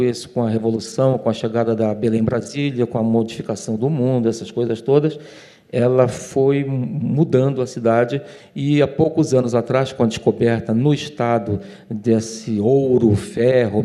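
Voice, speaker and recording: Panel writer, dark mellow male voice, emphatic lists, hall echo. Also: mid-range voice. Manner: listing, emphatic, with stumbles. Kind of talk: panel talk. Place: auditorium at a literary event. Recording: long hall reverb.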